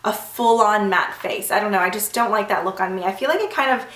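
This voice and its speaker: A woman's voice: mid-range voice, a little fast, fairly bright tone. A woman beauty vlogger, congested from a sore throat, chatting to camera in a rambling way. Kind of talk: casual chat to camera. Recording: roomy echo, mic at a distance.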